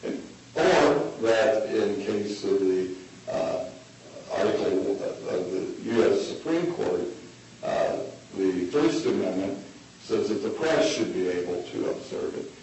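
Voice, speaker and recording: A man arguing as a lawyer in court, halting and hesitant, with very frequent uhs. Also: on the low side, animated, darkish tone. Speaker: defense appeal lawyer. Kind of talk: oral argument in court. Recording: very echoey distant courtroom, faint noise.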